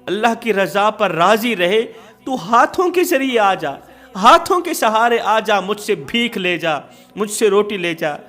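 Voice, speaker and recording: Tearful old mother, high and pleading, as a male preacher puts her on. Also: sing-song, sharp tone, faint music behind, heavily acted. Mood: tender. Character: grieving old mother praying for her son.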